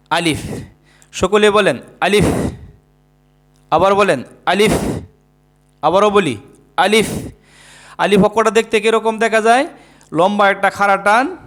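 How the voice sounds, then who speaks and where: A man's voice: high-pitched, fairly bright tone. A man teaching a lesson, patiently repeating each letter so learners can echo it. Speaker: Quran teacher. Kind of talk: slow, repetitive letter-drill lesson.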